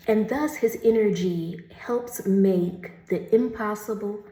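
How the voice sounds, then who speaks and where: A woman gives a casual oracle card reading, chatting, laughing often and calling the listener honey. When she reads the card text, she goes slowly and carefully. Her medium-pitched voice sounds reverberant.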